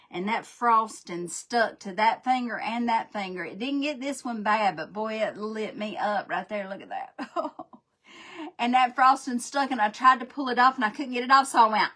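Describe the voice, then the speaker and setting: A woman with a drawl hosts a home craft livestream, rambling in a folksy, friendly way as she paints. Her voice is bright and forward, picked up close by a desk mic in a small craft room. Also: medium pitch. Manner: chatty, folksy, greets viewers by name. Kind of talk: casual livestream chat while painting.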